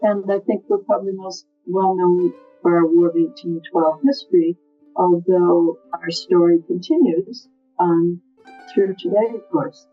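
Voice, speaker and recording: A woman from northern New York, a historic site manager, answering interview questions in a steady, informative way. Her audio is fuzzy and distorted. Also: lowish voice, measured pace. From northern New York State, USA. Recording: distorted, dull lo-fi interview audio with faint music behind.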